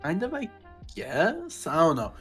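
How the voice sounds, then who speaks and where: A man co-hosting a casual podcast, talking in an animated, opinionated way with many fillers. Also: on the high side, measured pace, soft background music. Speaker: podcast co-host. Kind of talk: casual chat.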